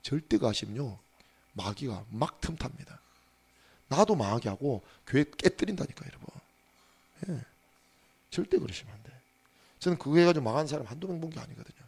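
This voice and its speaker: A male pastor preaching a sermon, speaking straight to his congregation, dropping to hushed asides and then rising to loud emphatic calls. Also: mid-range voice, expressive, a little fast, slightly rough. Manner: speaks to the congregation directly and has them repeat after him.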